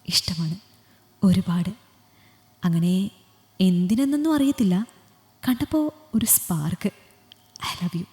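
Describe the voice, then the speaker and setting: A woman's voice: a little high, expressive, moderate pace, long pauses, a little mellow, close to an everyday voice. A woman voicing a lovesick young male doctor, asking pleading, breathless questions. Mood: tender. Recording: long hall reverb.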